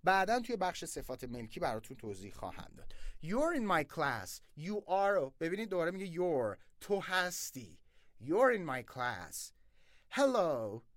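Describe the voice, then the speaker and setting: A man teaching English, patiently explaining and then slowly modeling phrases, emphatic about pronunciation. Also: a little high, very animated, a bit bright, no echo, studio quality. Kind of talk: language lesson.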